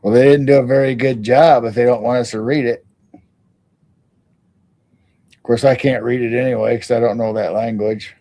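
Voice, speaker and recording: A man hosting a casual live stream, thinking aloud in halting starts while studying something on his monitor. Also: medium pitch, fairly even intonation, dark tone. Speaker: stream host.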